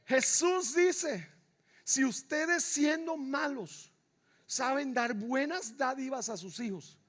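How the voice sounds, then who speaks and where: A male pastor delivers an impassioned sermon in a church. His voice sits very high for a man, and he preaches slowly and deliberately, repeating key phrases. He swings from loud shouts down to hushed, near-whispered lines. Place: church sanctuary.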